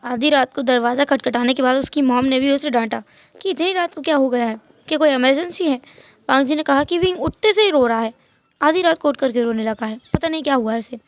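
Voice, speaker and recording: Brief: woman storyteller, high voice, dry close sound, lively retelling. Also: fairly quick, dry recording. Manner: lively retelling with English words mixed in. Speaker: narrator. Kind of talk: storytelling fan dub narration.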